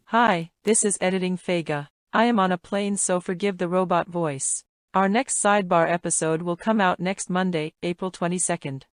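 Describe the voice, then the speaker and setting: A woman with a lower voice runs briskly through upcoming episode dates. Her voice has a robotic, glitchy digital distortion. She is recording on a plane, and the sound is dry and close. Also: fairly even intonation, no echo. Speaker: podcast editor.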